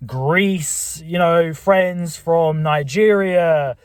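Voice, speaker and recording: A channel host from Buckinghamshire, with a southern English accent, rambles to the camera from his car, full of fillers and restarts. His voice is a little high with drawn-out words, captured cleanly on the camera mic with no echo and a clean studio sound.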